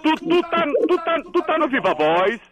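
A man's voice: extremely high pitch, sing-song, moderate pace, over music, full character voice. A man voicing a boisterous, teasing Northeastern Brazilian radio character, with stammering repetitions, folksy slang and mock insults. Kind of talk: comic radio banter with a caller.

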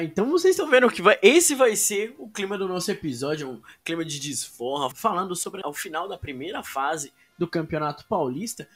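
A man's voice: high voice, fairly bright tone. A man hosting a casual football podcast, talking informally and addressing the listeners directly. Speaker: podcast host.

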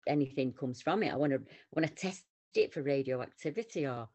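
A woman with a Northern English accent, co-hosting a casual round-table podcast chat and telling stories in an animated way. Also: very deep voice, fairly quick. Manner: animated, lively storytelling with quoted voices. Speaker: podcast co-host.

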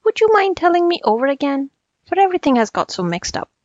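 A woman's voice: high-pitched, big pitch swings, fast talker, a little mellow, no echo, lo-fi sound, pitched above the performer's own voice. A woman voicing a sly jackal who plays muddled and dim-witted in a storybook tale, dithering and falsely humble. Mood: puzzled.

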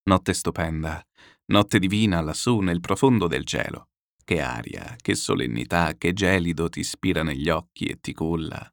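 A man reading a literary text aloud, declamatory and lyrical, with slow solemn pauses. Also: sits low, creaky, dry recording, studio quality. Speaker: reader.

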